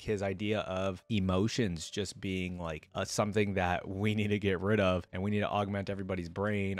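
Sitting at a desk indoors, a young man in his young adult years reads lore aloud for a reaction video, chatting casually into a nearby microphone. His voice sits low, with no room sound at all.

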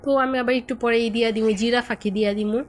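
A woman's voice: fairly high pitch, little pitch movement, racing. Chatty woman with a Munshiganj Bengali dialect. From Bangladesh. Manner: chatty, keeps asking viewers "right?". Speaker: cooking vlogger. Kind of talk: casual chat to viewers. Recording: home video with clear background noise.

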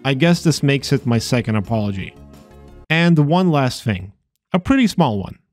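A man's voice: mid-range voice, big pitch swings, moderate pace, darkish tone, dry recording. A man narrating a scripted voice-over about a video game, with dry, sarcastic asides. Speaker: video host exploring games. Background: faint game music.

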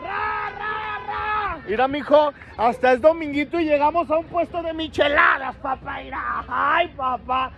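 A man with a Mexican accent working as a party clown in the street, loud and teasing, often shouting jokes at people around him. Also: very high-pitched, normal speed, creaky, hardly any pauses, a little hiss or hum. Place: outdoors on a busy street. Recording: dull street recording with a loud crowd.

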